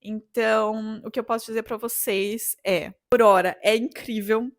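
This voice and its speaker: A young woman vlogging in a casual, animated storytelling way, sometimes breaking into excited outbursts. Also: on the high side, moderate pace, dry recording, clean studio sound. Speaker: travel vlogger.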